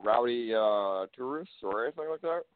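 A man's voice: medium pitch, lively intonation, no room sound. Man calling in over a laggy phone line. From Alabama, US. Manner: halting, many "uh" pauses. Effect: laggy phone line with delay. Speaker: caller. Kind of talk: casual call-in chat. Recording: tinny dry phone line.

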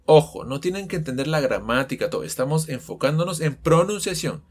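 A man gives an English pronunciation lesson. His voice is fairly high and a little husky, and it rises and falls a lot as he explains patiently and quizzes his listeners. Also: lively intonation, brisk. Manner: explains patiently, asks the class questions. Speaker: English teacher.

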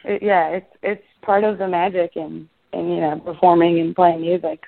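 A woman from Israel talks in a low-set voice over a tinny, phone-like line. She rambles casually as an interview guest, with many restarts and fillers. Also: little pitch movement, normal speed, vocal fry. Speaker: musician guest.

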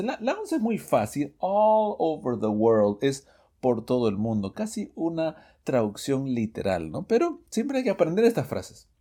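A man teaching English phrases in a Spanish-language lesson podcast, lively and self-correcting, reading the example sentences slowly. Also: on the high side. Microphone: studio microphone, audio only.

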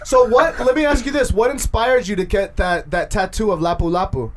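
A man's voice: high-pitched, fairly quick, a little hiss or hum. A man interviewing a fighter, asking teasing, crude questions in a loose, joking way. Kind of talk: casual interview chat.

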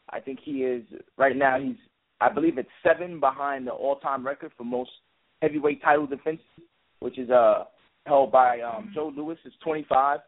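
A man giving conversational sports analysis as a boxing pundit, in a halting delivery full of filler words. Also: medium pitch. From Brooklyn, New York. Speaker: guest boxing writer and analyst. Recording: tinny phone-like line.

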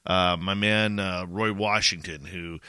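A man's voice: deep voice, fairly even intonation, measured pace, pushed and bright, clean tone, no room sound. A man in his forties hosting a casual podcast chat, enthusiastic and friendly, often repeating himself. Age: 40s. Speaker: podcast host.

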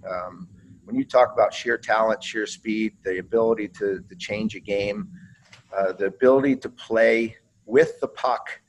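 A man's voice: lowish voice, a little slow, slight background noise, low-quality recording. A man who played pro hockey, telling stories in a casual interview and swearing freely, often repeating and restarting his words.

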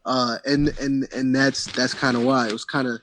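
A man's voice: medium pitch, flat delivery, moderate pace, a bit bright, a little hiss or hum. A man from Central New Jersey, a battle rapper as interview guest, talking loosely with many "you know what I'm saying" fillers. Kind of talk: casual interview chat.

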